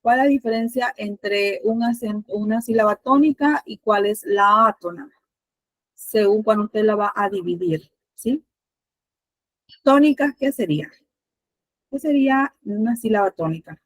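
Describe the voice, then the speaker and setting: A woman's voice: mid-range voice, measured pace, no room sound, low-quality recording. A Spanish teacher with a Panamanian accent, a woman, patiently asking her students questions with many fillers.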